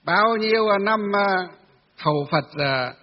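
A man's voice: high voice, lively intonation, unhurried. A man, a Buddhist monk, giving a chatty dharma talk to a temple audience, asking questions and answering them himself with many filler sounds. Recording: dull distant reverberant hall recording.

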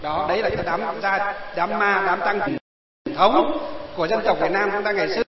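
High-voiced preacher in an echoey hall. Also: male voice, normal speed, over a noisy crowd. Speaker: Buddhist preacher. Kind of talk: sermon to villagers. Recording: echoey hall, dull lo-fi sound.

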